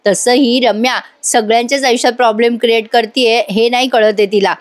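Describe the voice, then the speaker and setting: Speaking straight to her audience, a TV serial reviewer with a Marathi accent narrates an episode recap in a chatty voice-over, quoting dialogue along the way. She is brisk and slightly high-pitched with a steady tone, on a dry recording.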